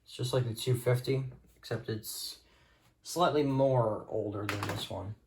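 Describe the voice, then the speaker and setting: In an unscripted hobby video, a man casually shows off his radio collection, speaking informally and offhand. His medium-pitched voice is unhurried and has vocal fry.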